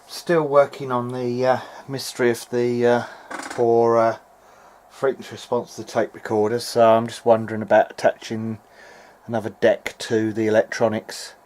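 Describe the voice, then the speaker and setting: At his home workbench, a hobbyist who makes videos about fixing vintage audio gear talks from behind a handheld camera, thinking aloud in a hesitant, unscripted way. His medium-pitched voice is flat, a little mellow, and moderately paced, and the amateur recording is clearly noisy.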